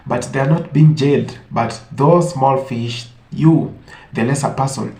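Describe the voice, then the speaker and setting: This online commentator, a man from Africa, speaks emphatically and asks rhetorical questions while sharing his opinions. His mid-range voice is a little mellow, and the recording has room echo.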